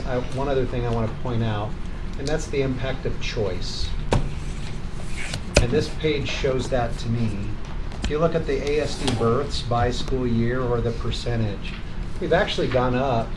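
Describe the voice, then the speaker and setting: A man of middle pitch explains points at a public meeting in a measured, businesslike way. He is picked up from a distance, with loud noise behind him. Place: indoor public meeting room.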